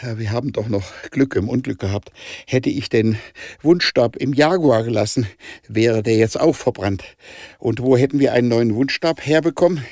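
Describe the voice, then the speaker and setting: A man voicing an impulsive young male adventurer, talking fast and defensively. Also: medium pitch, dry recording, studio quality, voice pushed up, lightly acted. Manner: defensive, excitable.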